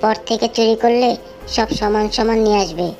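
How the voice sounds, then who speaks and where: A woman's voice: on the high side, steady tone, a little fast, a little mellow, soft background music, natural voice. A woman voicing a greedy, quarrelsome jackal wife with a bossy, scolding manner in a cartoon story. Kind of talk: exaggerated cartoon story acting.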